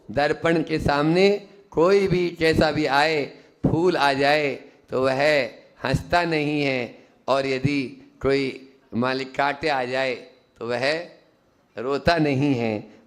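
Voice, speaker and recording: A man, a Jain monk, giving a sermon at a teaching camp, asking his listeners questions and acting out little voices as he explains. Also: a little high. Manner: teaching, asks the audience questions and acts out quick voices. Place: teaching camp hall with audience.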